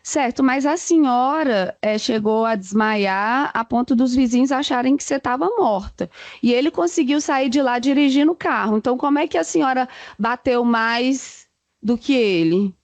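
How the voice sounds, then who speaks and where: A woman with a Brazilian Portuguese accent presses a witness in a courtroom with one pointed question after another. Her voice sits a little high, and the sound is dry and close. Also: no echo. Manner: probing, rapid-fire questions.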